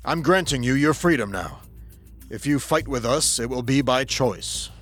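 A man's voice: mid-range voice, expressive, normal speed, fairly bright tone, soft background music. A man voicing a determined young god king who speaks firmly and with command. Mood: persuasive. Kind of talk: audio drama acting.

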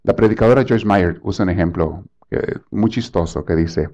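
A man's voice: low voice, normal speed, dark tone. A man preaching a sermon in an emphatic, scolding way, full of rhetorical questions.

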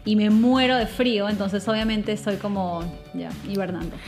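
A woman's voice: medium pitch, fairly even intonation, moderate pace, darkish tone, soft background music. A woman in her thirties with a Peruvian Spanish accent, hosting a casual, chatty podcast for female listeners. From Peru. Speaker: podcast host.

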